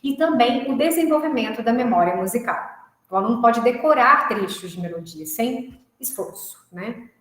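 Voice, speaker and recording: A woman's voice: fairly high pitch, animated, normal speed. A woman music teacher explaining a recorded class, often checking in with short tag questions. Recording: very echoey room.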